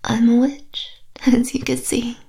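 Woman doing a flirty witch hypnotist for ASMR roleplay, higher whispered voice, unhurried delivery. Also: flat delivery, creaky. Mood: coaxing. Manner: soft whispering, slow repetitive coaxing.

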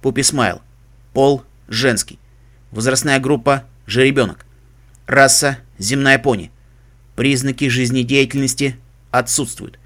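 A metallic, emotionless helmet computer, voiced by a man, reads out terse status reports and word lists in a clipped, flat delivery. Its pitch sits mid-range and unremarkable. It is heard in a storybook-style reading. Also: unhurried, lightly acted. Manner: terse system announcements and dictionary listings. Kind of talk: audiobook reading of a fan story.

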